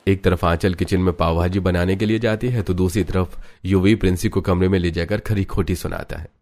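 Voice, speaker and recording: Low-voiced male storyteller. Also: steady tone, brisk, darkish tone. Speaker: narrator. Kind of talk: scripted narration.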